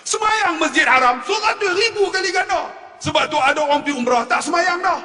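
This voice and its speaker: A male preacher gives a humorous sermon at a mosque forum, telling animated stories, laughing at his own jokes and calling out to the congregation. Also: extremely high pitch, a little fast, distant mic. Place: mosque hall. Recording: long reverb from a mosque hall.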